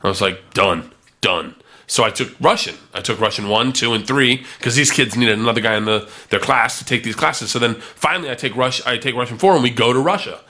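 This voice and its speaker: A man with a bright, forceful voice tells a story in relaxed conversation. He is animated and slips into voices for the people he quotes. His pitch sits in a middle range. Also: fast, hardly any pauses. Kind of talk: casual storytelling.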